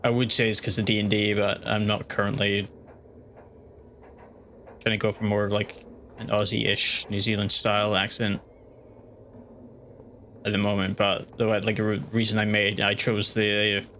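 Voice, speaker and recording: A man streams a game live, chatting casually and rambling with plenty of fillers and restarts. His voice runs low but pushed and bright, with slight background noise.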